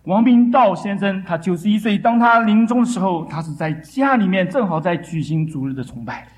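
Dramatic preacher pausing for interpreter. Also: mid-range voice, animated. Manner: dramatic, slows and drops for solemn lines. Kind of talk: sermon delivered through an interpreter.

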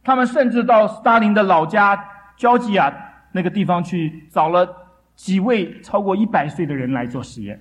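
A preacher giving a sermon in short phrases for an interpreter, turning slow and hushed on solemn lines. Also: mid-range voice, animated. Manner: dramatic, slows and drops for solemn lines. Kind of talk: sermon delivered through an interpreter.

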